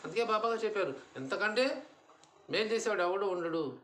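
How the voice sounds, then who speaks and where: Quick, bright-voiced man giving a sermon. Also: high-pitched, expressive, slight background noise. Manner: rhetorical questions, mixes English words. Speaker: satsang speaker. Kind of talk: devotional discourse. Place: devotee's home.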